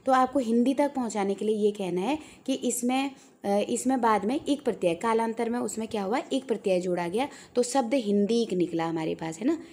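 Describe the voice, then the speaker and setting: A woman's voice: on the high side, darkish tone. A woman teaching an exam-prep lesson, patiently repeating key points and checking in with her students as she goes.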